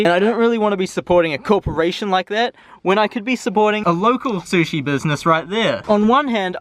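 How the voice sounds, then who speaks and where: A young man chatting casually to viewers as a vlog host, slangy, jokey and excitable. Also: on the high side. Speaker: host of a hobby craft video channel.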